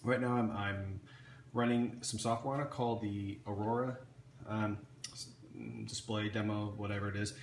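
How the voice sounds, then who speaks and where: Man, lowish voice, casual hobby demo, lots of restarts, roomy echo. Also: fairly even intonation, moderate pace. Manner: rambling, many restarts and fillers. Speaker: hobbyist showing an electronics kit. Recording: echoey room with faint ambient noise.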